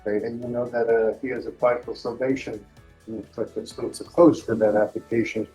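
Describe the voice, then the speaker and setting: A man's voice: medium pitch, little pitch movement, moderate pace, warm tone, faint music behind. A man questioning a witness in court as a lawyer, hesitant with many fillers, heard in a courtroom recording. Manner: hesitant, many ums and uhs. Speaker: defense lawyer. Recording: dull lo-fi courtroom audio.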